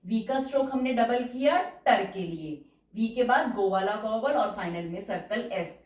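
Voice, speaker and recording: Woman teacher walking through shorthand rules, slow repeats, sits back from the mic in an echoey room. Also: fairly high pitch, a little mellow, far from the mic. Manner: patient, repeats example words slowly. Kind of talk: step-by-step tutorial explanation. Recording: roomy echo, voice from off-mic.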